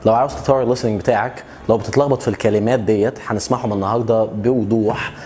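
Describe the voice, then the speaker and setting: A man's voice: fairly low pitch, fairly even intonation, a little mellow, slight background noise. Egyptian man teaching English pronunciation. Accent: Egyptian Arabic. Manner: slow drawn-out English model words between quick Arabic explanation. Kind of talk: pronunciation lesson.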